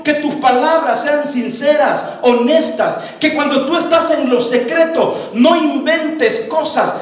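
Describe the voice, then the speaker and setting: A very high-pitched male pastor delivers an emphatic sermon, firing rhetorical questions at his congregation. The sound is swamped in heavy church echo. The mic sits well away from him. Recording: very echoey church hall, mic far off.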